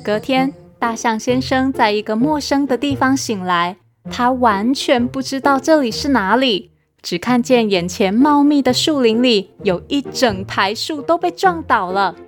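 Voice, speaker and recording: A woman host reading a picture book aloud to children, in a gentle, coaxing manner. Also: on the high side, lively intonation, unhurried, faint music behind. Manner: gentle, coaxing, addressing kids.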